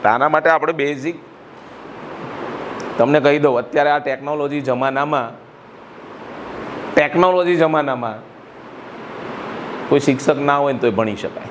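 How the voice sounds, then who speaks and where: Long pauses break up this middle-aged man's normal-speed delivery, his fairly high voice set against a noisy background. He's a school director from Gujarat, India, with a Gujarati accent, rallying students in a school hall and tossing rhetorical questions at the audience.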